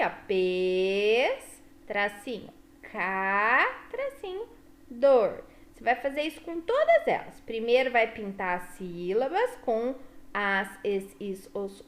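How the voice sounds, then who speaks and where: A woman's voice: a little high, a bit bright. A Brazilian woman teaching young children through a workbook in a sing-song teacher voice, often checking with "tá?". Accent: Brazilian Portuguese. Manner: slow, sing-song teacher talk with frequent "tá?" and "ó". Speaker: primary school teacher.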